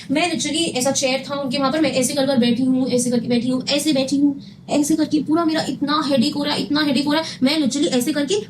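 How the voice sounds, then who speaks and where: Young woman, high pitch, quick storytime delivery, emphatic repeats, faint room noise. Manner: emphatic, repeats phrases, mixes Hindi with English. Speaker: vlogger telling her own health story. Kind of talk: casual storytime monologue.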